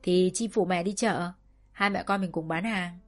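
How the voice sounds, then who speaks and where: A woman voicing a gentle farm mother who coaxes and persuades softly in a storybook reading. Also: fairly low pitch, fairly even intonation, moderate pace, faint music behind, natural voice. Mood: coaxing. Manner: soft coaxing persuasion.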